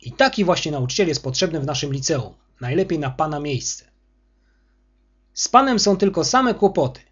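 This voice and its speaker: A domineering, harsh school superintendent in an audiobook scene, performed by a male reader. His voice sits high, swoops with anger, and has a husky edge. The recording sounds muffled and lo-fi. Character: angry arrogant male school superintendent, bullying official.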